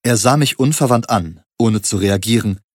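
A man giving a steady, measured first-person audiobook narration. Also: lowish voice, dry recording, studio quality.

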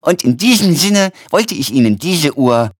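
A man's voice: fairly high pitch, sing-song, unhurried, no room sound, clean studio sound, pitched above the performer's own voice. A man voicing a courteous elderly male doctor who talks in a polite, effusive, formal way. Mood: courtly.

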